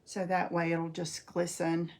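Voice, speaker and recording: A fairly low, monotone woman's voice speaks unhurriedly over a noisy background. The speaker, a craft host with a North Carolina Southern accent, demonstrates crafts live from her table and chats folksily with viewers by name.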